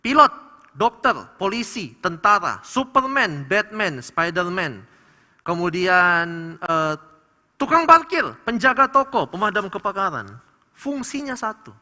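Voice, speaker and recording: A man with a Manado accent preaching a sermon, animated and acting out little dialogues between parents and children. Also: sits high, measured pace. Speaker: pastor. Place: large church hall. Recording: long church hall reverb.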